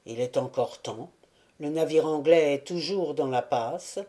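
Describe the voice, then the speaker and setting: A woman reading the part of a surly, brooding old male buccaneer gunner, voiced lower and grumbling. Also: a little slow, dark tone. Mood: gruff.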